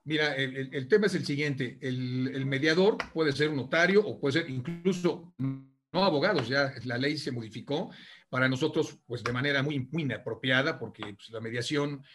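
A man's voice: medium pitch, moderate pace, fairly bright tone, soft background music. A man, a lawyer on a panel, explaining legal procedure at length and restarting his phrases often. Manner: explanatory, repeats words at the starts of phrases.

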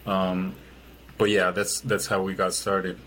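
A man's voice: low voice, little pitch movement, slow pace, a bit bright, slight background noise, low-quality recording. A man from Chile, a guest in an interview, talking casually with many fillers and restarts. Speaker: guest, business owner.

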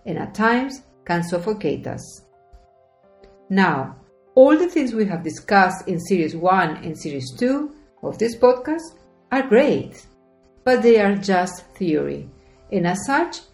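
A non-native English-speaking woman delivers an earnest, encouraging motivational talk, her pitch rising and falling in a lively way. Her voice sits in a roomy space, with soft music under it. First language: not English. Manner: earnest, encouraging, reads from a script. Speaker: podcast host, life coach. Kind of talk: scripted motivational monologue.

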